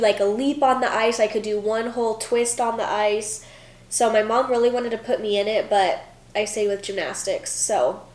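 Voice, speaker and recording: Stuffed up with a cold, a vlogger in her 20s who used to be a college gymnast chats through viewer questions, dropping plenty of fillers along the way. She has a slightly high, slightly mellow voice, recorded in an echoey room.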